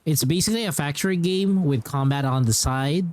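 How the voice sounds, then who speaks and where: In a slightly fast, somewhat mellow voice on the high side, a male game streamer rambles informally through casual livestream chat, frequently repeating himself.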